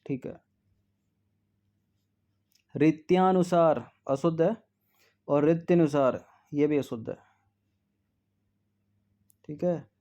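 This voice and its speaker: A male tutor working through exam spelling questions, slowly repeating each word and checking answers with frequent "ठीक है". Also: a little high, warm tone. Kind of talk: test-series answer walkthrough.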